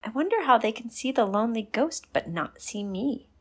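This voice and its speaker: A woman's voice: fairly high pitch, animated, moderate pace, slightly rough, voice pushed up. A woman doing a shy, wistful little girl. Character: shy lonely young girl, invisible.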